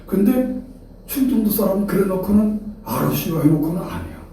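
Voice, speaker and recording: An older man preaches with a Chungcheong accent, folksy and funny, slipping into the voices of the people he quotes. His voice sits a little high with a mellow, soft tone. It rings through a very reverberant church hall, picked up by a mic placed well away from him. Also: lively intonation, fairly quick, slight background noise. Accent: Chungcheong Korean. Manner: folksy and humorous, acting out quoted dialogue. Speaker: retired senior pastor. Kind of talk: early-morning sermon. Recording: very echoey hall, distant mic.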